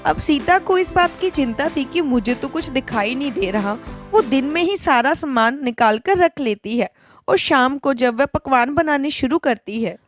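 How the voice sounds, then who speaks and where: A woman narrating a cartoon story in a plain, even storytelling voice. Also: high voice, moderate pace, dry recording, soft background music.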